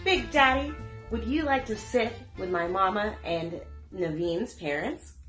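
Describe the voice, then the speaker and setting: A woman's voice: medium pitch, measured pace, a bit bright, soft background music, close to an everyday voice. A woman voicing a kind, cheerful young storybook princess with lilting exclamations. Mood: delighted, welcoming. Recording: echoey room.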